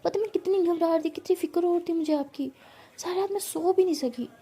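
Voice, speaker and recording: A woman's voice: sits high, steady tone, brisk, slightly rough. A woman voicing an anxious, hot-tempered young woman student who scolds the one she loves. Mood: angry scolding. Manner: scolding, worried, loud outbursts.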